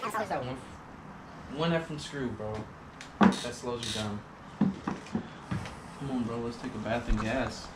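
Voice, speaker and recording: A man's voice: medium pitch, unhurried, long pauses. A man chatting casually in frat-bro slang, joking with swagger as he hosts a DIY repair video. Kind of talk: casual chat while working. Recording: echoey room with loud noise and clatter.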